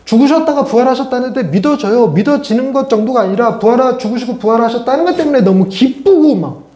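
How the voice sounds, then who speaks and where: A middle-aged male pastor preaching a sermon, chatty and animated, with playful asides to his congregation. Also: extremely high pitch, quick pace. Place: church sanctuary. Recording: echoey church hall.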